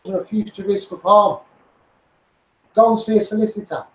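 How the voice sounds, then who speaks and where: With a high-pitched, steady tone at normal speed, a man from the Liverpool area rants impassionedly on a livestream in a Scouse accent. He's an online campaigner who rambles, repeats himself and keeps pressing his viewers, recorded in an echoey room from a distant microphone.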